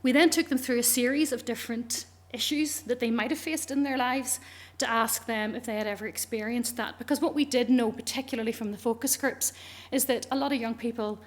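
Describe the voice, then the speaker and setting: Northern Irish woman presenting research, slightly high voice. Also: steady tone, brisk. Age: middle-aged.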